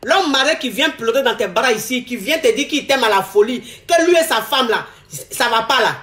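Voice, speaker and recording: High-voiced woman giving frank, repetitive advice. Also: moderate pace, reverberant. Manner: expressive, repeats phrases, acts out quoted lines. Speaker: advice speaker. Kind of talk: frank relationship advice monologue.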